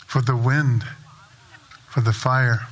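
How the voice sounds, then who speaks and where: A man leading a sunrise ceremony outdoors, giving a spoken blessing in a slow, measured, invocational way. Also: medium pitch, fairly even intonation, fairly bright tone, slight background noise. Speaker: ceremony prayer leader.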